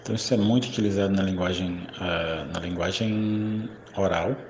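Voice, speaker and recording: A man's voice: deep voice, steady tone, moderate pace, noisy background. A man teaching a recorded grammar lesson, explaining step by step with frequent checking tags. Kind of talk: recorded English grammar lecture. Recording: echoey room with faint ambience.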